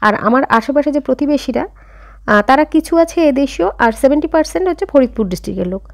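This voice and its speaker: A woman's voice: high voice, expressive, very fast, vocal fry. A woman in her thirties speaking Bengali with a slight rural lilt, chatting casually to her viewers as she goes about her daily routine. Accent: Bengali with a slight rural Jessore-Khulna lilt. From India. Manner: chatty, addresses viewers directly, frequent fillers. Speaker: vlogger. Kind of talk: casual vlog narration. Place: home and outdoors while running errands.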